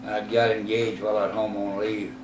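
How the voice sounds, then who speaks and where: Over music, a Texas man in his eighties slowly recalls his past for an oral history interview, rambling and stumbling with many fillers and self-corrections. His pitch is fairly low and barely moves. The recording comes from a distant, roomy mic with clear background noise.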